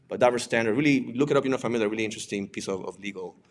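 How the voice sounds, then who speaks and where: Racing through his informal lecture at medium pitch, a digital forensics instructor and examiner from Puerto Rico keeps checking in with rhetorical questions and a steady "right?". He's a native Spanish speaker with a Puerto Rican accent, and there's a faint hiss or hum.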